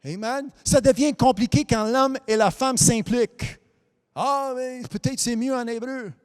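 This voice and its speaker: A native English-speaking man preaches a sermon in a high, clean, unhurried voice, scattering amen and hallelujah throughout. He breaks off to restart phrases and slips into a sing-song lilt, with a long reverb tail like a church hall.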